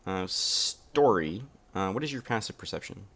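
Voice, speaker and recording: A man running a tabletop game as game master, narrating in a relaxed, halting way with fillers, on a home mic over a voice call. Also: sits low, gravelly, husky.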